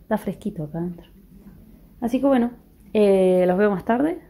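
A woman's voice: medium pitch, lively intonation, moderate pace, warm tone. Sick young woman half-whispering. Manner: chatty, often half-whispering, sweet-talks dogs. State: ill, voice low and weak. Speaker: vlogger. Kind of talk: casual vlog narration. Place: rural house, partly outdoors.

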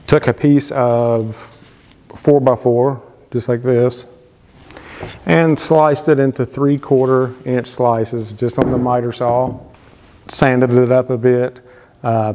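A man's voice: mid-range voice, mellow. A man in his thirties giving casual, conversational woodworking advice straight to camera, gesturing as he talks, from his home workshop. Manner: conversational, gestures a lot, frequent fillers. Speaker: woodworking channel host. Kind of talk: casual instructional talk to camera. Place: wood-paneled home workshop, indoors. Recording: long reverb from a workshop.

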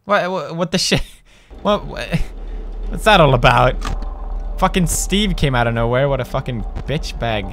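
A young man commenting loudly and profanely on a horror game, joking around and shouting when it startles him. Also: mid-range voice, expressive, moderate pace, long pauses. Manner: profane, goofy, bursts into shouting. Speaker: gaming commentator. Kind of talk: let's play commentary. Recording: game music behind the voice.

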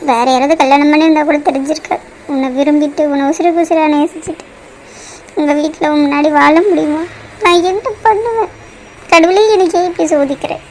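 A woman's voice: sits high, fairly quick, a little mellow, slight background noise, low-quality recording. A woman voicing a heartbroken, furious young bride who lashes out with bitter accusations in a cartoon drama.

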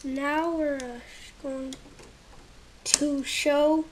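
Recorded on a handheld camera held close amid background noise, a high-voiced woman with fairly even intonation reviews toys casually at home. She speaks haltingly, hunting for words, and now and then drops to a near whisper as she handles pieces.

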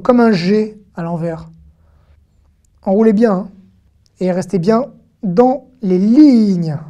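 A woman giving an online lesson, chatty and lively, talking straight to her viewers with frequent "hop" and "hein" asides. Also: mid-range voice. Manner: addresses the viewer directly. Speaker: Hebrew teacher.

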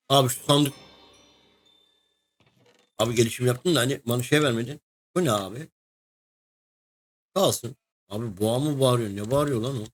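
A young man giving casual, excitable commentary while playing a game, chatting to the creatures and a co-player. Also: mid-range voice. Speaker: gaming video host. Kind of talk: casual let's-play commentary.

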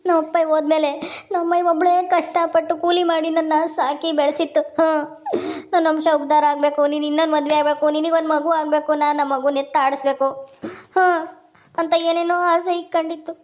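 A woman playing a grieving grown son in a village family drama, speaking in a rapid, wailing lament. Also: sits high, level tone, highs cut off, lightly acted.

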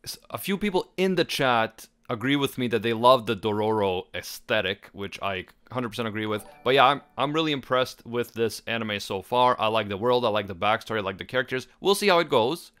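A man giving calm, measured opinions in a casual podcast chat from a home room at a desk mic. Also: medium pitch, clear, resonant tone.

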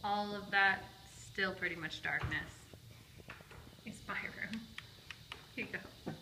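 Holding her phone camera at arm's length, a woman in her thirties gives a casual, playful vlog tour of her big, empty new home. Her mid-range voice moves at a slow pace, the empty rooms echo, and the background is noisy.

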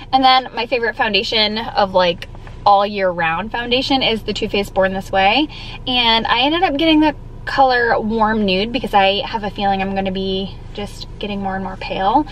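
A young woman films herself at arm's length inside a parked car, chatting in a cheerful, casual vlog style. She has a mid-range voice. Some hiss or hum comes through on the low-quality recording.

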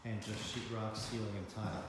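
A man's voice: fairly low pitch, flat delivery, moderate pace, far from the mic. A man giving a casual, matter-of-fact tour of an unfinished house, pointing out each room as he walks through. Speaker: house walkthrough guide. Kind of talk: casual property tour narration. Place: unfinished house under renovation, indoors. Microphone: handheld phone camera. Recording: echoey empty rooms, noisy, mic held away.

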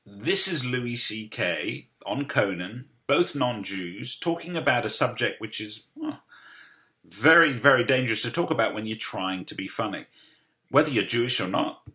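A man hosting a segment and commenting on comedy clips, measured and with frequent filler pauses. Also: medium pitch, animated, sharp tone. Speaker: show host and commentator.

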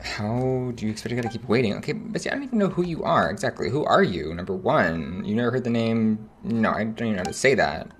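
A young man streaming a game, chatting casually with viewers in an animated, slangy way. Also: medium pitch, breathy edge. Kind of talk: casual livestream chat.

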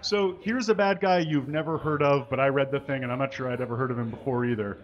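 Speaking fast at a medium pitch, a male comedian gives a live dramatic reading of fan fiction, over the top and mock-earnest, announcing mistakes and punctuation as he reads. He's at a stand microphone on a small curtained stage with a live audience. The high frequencies are cut off.

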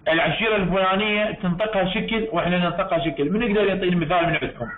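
A high-voiced man with an Iraqi Arabic accent gives a university English lecture over a tinny online call. He explains things slowly, repeating himself and correcting his own words as he goes. The sound is thin and narrow, like a phone line. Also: a crowd in the background.

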